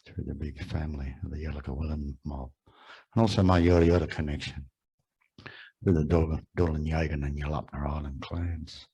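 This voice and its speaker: Man, Australian accent, very deep husky voice, slow poetic ceremonial welcome. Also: a little mellow, dull audio. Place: large room with an audience.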